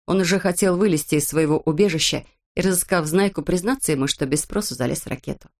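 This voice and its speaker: A woman narrating a children's storybook in an even storytelling manner. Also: low voice, fast talker. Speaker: audiobook narrator.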